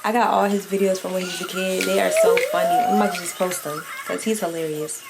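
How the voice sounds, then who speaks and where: A woman's voice: fairly low pitch, sing-song, quick pace, gravelly, heavy background noise. A young woman vlogging casually as a mom, blunt and playful, full of slang, talking to her viewers. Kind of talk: casual chat. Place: car and store. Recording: music playing under the voice.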